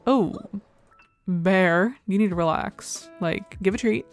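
A young woman talks through her gameplay in a loose, rambling chat. She drops "like" into almost every phrase and bursts into excited exclamations as things happen on screen. Her voice sits at an ordinary, middle pitch. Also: slow, faint music behind. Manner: chatty, says "like" constantly, excitable exclamations. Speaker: gameplay host. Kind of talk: casual game commentary.

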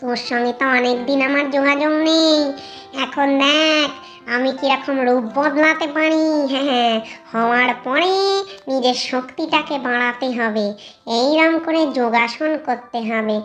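A woman's voice: sits high, moderate pace, fairly bright tone, lo-fi sound, faint music behind. A woman doing a boastful shape-shifting ghost auntie. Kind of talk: cartoon voice acting.

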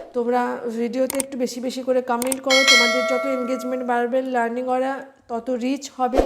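A woman teaching English vocabulary for exams in an online lesson, spelling words out letter by letter and pausing with "ah". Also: high-pitched, a little hiss or hum. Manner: slow, spells words letter by letter, fills pauses with "ah".

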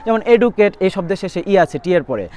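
A man's voice: high-pitched, animated, a little mellow, a little hiss or hum. A young man teaching spelling tricks for an admission test, talking straight to students and spelling out words letter by letter. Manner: rapid explanatory talk, spells words letter by letter. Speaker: admission test English tutor. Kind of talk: spoken lesson to students.

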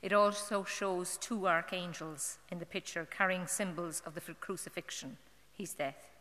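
A woman's voice: fairly low pitch, steady tone, pushed and bright. Earnest Irish mother in an echoing church. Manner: earnest, halting, with fillers and restarts. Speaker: mother giving a testimony at a parish novena. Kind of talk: personal testimony talk. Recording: long church hall reverb.

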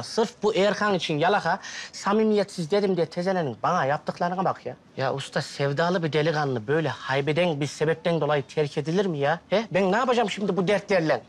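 A man's voice: a little high, close to an everyday voice. An actor playing a lovesick, hot-headed young man who complains dramatically in a sitcom. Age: young adult. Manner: dramatic, exaggerated, whiny outbursts. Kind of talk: TV sitcom acting. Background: background music.

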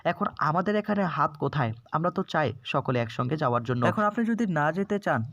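A man's voice: a little high, animated, a little fast, vocal fry, fairly bright tone, no echo. A man voicing a polite family member, reasoning.

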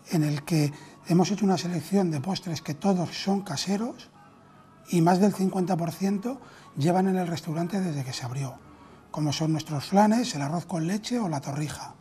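Interviewed in a dining room about his restaurant, a Castilian Spanish man in his thirties replies conversationally in a high, mellow voice at normal speed. Music plays clearly behind him, and he's miked on his lapel.

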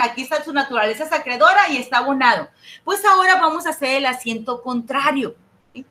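A woman's voice: sits high, bright, forceful tone. A woman teaching an accounting class online, often stopping to check that her students follow and repeating key points. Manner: asks students frequent check-in questions.

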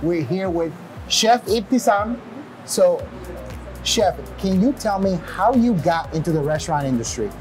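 Male food-show host, forties, casual and energetic, with faint music underneath. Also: sits high, measured pace, poor audio. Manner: casual and energetic, with short affirmations. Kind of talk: upbeat show hosting. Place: small restaurant kitchen indoors. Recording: background music.

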